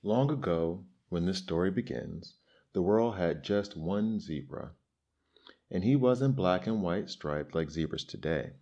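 Man, very low voice, storybook narrator, calm measured reading. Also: highs cut off.

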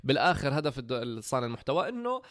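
A man hosting a casual chat, quick and animated, acting out quotes as he talks. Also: medium pitch, no room sound, studio quality. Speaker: content creator hosting a conversation.

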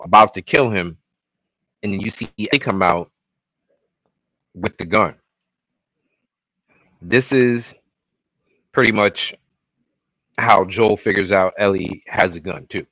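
A man's voice: fairly low pitch, slow, long pauses, dry recording, rough recording. Man animatedly retelling a show. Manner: animated retelling with acted-out quotes. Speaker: podcast co-host. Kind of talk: casual chat recapping a show.

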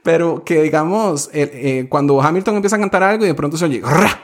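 A man's voice: fairly high pitch, brisk. Chatty young man with a Costa Rican accent. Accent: Costa Rican Spanish. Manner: animated, laughs often, quotes lyrics in English. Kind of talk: casual chat about a musical.

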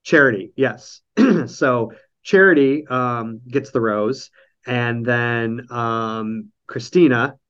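A man's voice: medium pitch, takes it slowly, fairly bright tone, smooth, lo-fi sound. A man with a nasal voice, hosting a casual podcast chat over an online call, rambling through a recap with lots of ums and dry jokes. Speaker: podcast host recapping a reality show.

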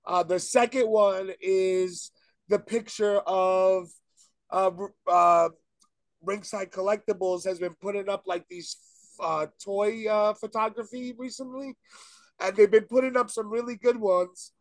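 A man's voice: high-pitched, measured pace, no echo. A man co-hosting a casual podcast, telling stories in a loose, rambling way and breaking into big laughs. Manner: excitable, laughs hard, swears, loose rambling storytelling. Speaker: podcast co-host. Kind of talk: casual chat.

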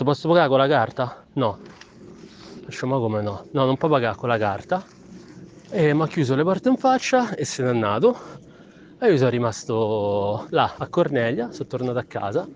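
A man with a Roman accent telling an angry storytime rant, swearing and quoting people in quick bursts. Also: medium pitch, muffled recording. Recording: faint background noise.

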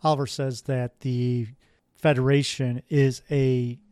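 A man's voice: mid-range voice, little pitch movement, slow, darkish tone, clean tone, no echo, clean studio sound. A man hosting a podcast, telling a strange story in a casual, rambling way with wry asides. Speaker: podcast host.

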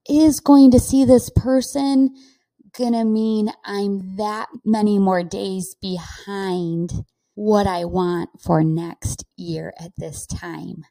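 Woman host, middle-aged, unhurried solo podcast talk, earnest and self-reflective. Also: fairly high pitch, warm tone, dry recording. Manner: earnest, self-talking, laughs between thoughts.

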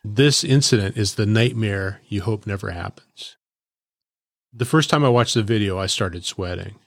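A middle-aged man, a former police officer, telling a case story in a reflective, steady way on a podcast. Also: lowish voice, moderate pace, vocal fry, no room sound, studio quality. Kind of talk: podcast commentary.

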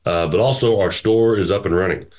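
A man with a very low voice co-hosts a casual sports podcast. He speaks in a measured, matter-of-fact way, laying out his points plainly. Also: a little mellow. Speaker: podcast co-host.

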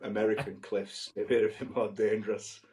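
A man's voice: fairly low pitch, flat delivery, brisk, a little mellow. A man with a thick West Yorkshire accent and a nasal voice, chatting casually with sweary, joking banter. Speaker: podcast co-host, band musician. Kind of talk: casual chat.

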